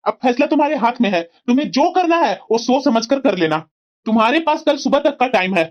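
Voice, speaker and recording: A woman's voice: fairly high pitch, animated, fairly quick, muffled recording, natural voice. A woman voicing a stern young husband in a cartoon, firm and threatening as he lays down an ultimatum. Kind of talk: cartoon voice acting.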